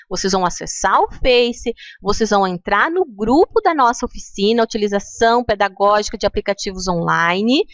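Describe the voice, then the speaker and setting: A woman's voice: fairly high pitch, dry recording. A middle-aged woman with a Brazilian Portuguese accent, guiding teachers through a screen-recorded tutorial step by step and often checking in with her listeners. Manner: patient, explains step by step, checks in with "tá?". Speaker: teacher trainer.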